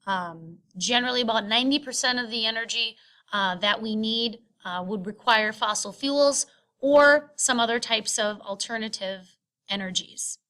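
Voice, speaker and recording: A woman teacher narrating a screen-recorded lecture, explaining step by step in a halting way with frequent filled pauses. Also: fairly high pitch, sharp tone. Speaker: science teacher. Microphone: screen recording voice-over.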